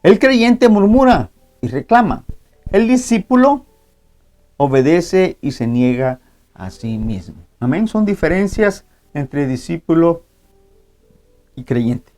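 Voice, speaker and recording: A male pastor delivering a church sermon in a fairly high voice. He reads Bible verses aloud and addresses the congregation as brothers. He peppers his speech with amén and ¿verdad?. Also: big pitch swings, takes it slowly, pauses often, darkish tone, faint music behind. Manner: frequent interjected amén and ¿verdad?.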